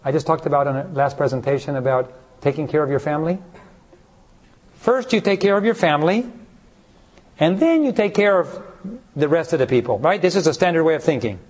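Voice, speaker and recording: A man's voice: a little high, brisk, pauses often, a little mellow. A man preaching a sermon who keeps asking the congregation rhetorical questions and briefly acts out the people in his stories. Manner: acts out short voices in stories.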